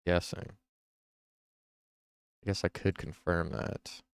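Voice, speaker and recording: A man's voice: low-pitched, fairly even intonation, slow pace, creaky, clear, resonant tone, dry recording. A man hosting a livestream, reading news headlines aloud and reacting to them, with self-corrections. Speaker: livestream host.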